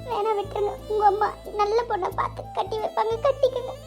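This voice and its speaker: A woman's voice: very high-pitched, fairly even intonation, quick pace, soft background music. A woman voicing a stubborn, wounded young woman who argues with her lover in a cartoon. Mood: resolved. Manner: firm, indignant, reproachful.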